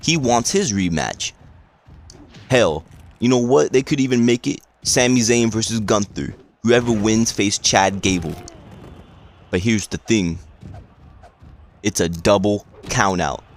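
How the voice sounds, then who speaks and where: A man vlogging in a rambling, excitable rant full of swearing. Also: lowish voice, unhurried, pauses often. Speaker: wrestling vlogger. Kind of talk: casual vlog rant.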